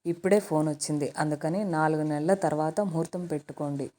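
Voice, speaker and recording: A woman's voice: deep voice, steady tone, fast talker, mellow, close to an everyday voice. A woman voicing a headstrong young daughter. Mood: coaxing. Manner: sulky, wheedling. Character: headstrong pampered young woman, new mother.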